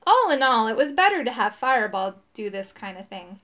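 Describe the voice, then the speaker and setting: A woman narrating a children's storybook aloud, with dramatic, expressive delivery. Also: on the high side, fairly quick. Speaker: audiobook narrator.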